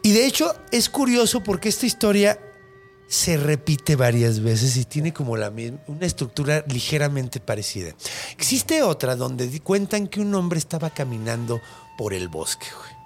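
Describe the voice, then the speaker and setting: A young man with a Mexican accent telling ghost stories in casual, slangy talk full of swearing. His voice is somewhat high and swings around a lot as he acts out the tales. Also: very animated, normal speed, faint music behind. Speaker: podcast host. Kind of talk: casual storytelling.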